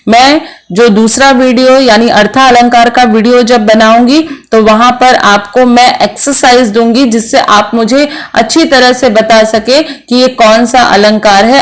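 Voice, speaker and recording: A middle-aged woman teaching a Hindi lesson online, explaining step by step and reading verse examples aloud. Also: on the high side.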